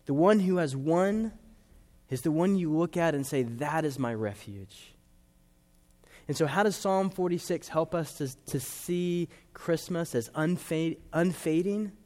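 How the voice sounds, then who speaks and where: A man preaching a sermon in a church, earnest, slowing down and dropping to soft low tones for emphasis. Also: big-room sound. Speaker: pastor.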